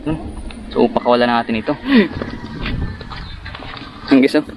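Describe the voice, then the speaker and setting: A man vlogging while fishing outdoors, chatting to viewers and breaking into excited bursts at each bite. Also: medium pitch, measured pace, background noise. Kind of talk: casual fishing vlog narration. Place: outdoors by the water, rural.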